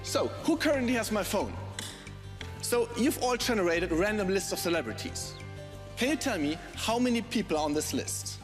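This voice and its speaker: A man's voice: high voice, sing-song, moderate pace. A man performing as a stage magician, giving patter to a theatre audience. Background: music and audience.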